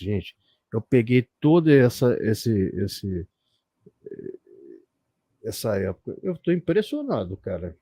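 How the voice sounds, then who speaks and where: A man's voice: mid-range voice, dark tone, husky, no room sound. A middle-aged Brazilian man with a Brazilian Portuguese accent hosting a live-stream interview, chatting and reminiscing in a rambling way. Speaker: host.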